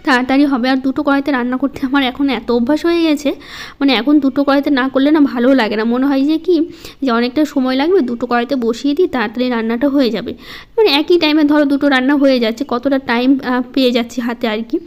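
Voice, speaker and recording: Soft-spoken high-voiced woman. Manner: slow, soft-spoken, halting. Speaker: home vlogger. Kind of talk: casual voice-over vlog.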